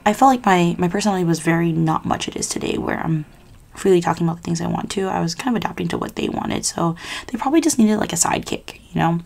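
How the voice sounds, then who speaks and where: A woman's voice: fairly low pitch, fast, creaky, darkish tone. A young adult woman vlogger chatting casually and giving personal advice in an informal, rambling, confiding way.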